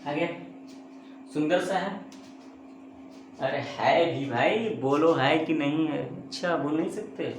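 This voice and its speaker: A man's voice: fairly high pitch, slow pace, long pauses, slight background noise. A man teaching a math lesson who asks and answers his own questions, with chatty, joking asides. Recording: very echoey room.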